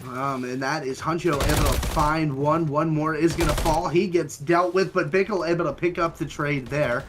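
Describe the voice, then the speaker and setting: A young man casting an esports match, giving fast and excited play-by-play. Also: a little high, background noise. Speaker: esports caster. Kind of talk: play-by-play commentary.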